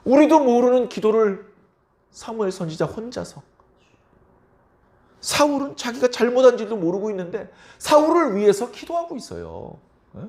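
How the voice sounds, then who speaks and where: A pastor preaching a midweek sermon, prompting the congregation for a response. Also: male voice, extremely high pitch, big pitch swings, normal speed, pauses often, darkish tone. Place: church service.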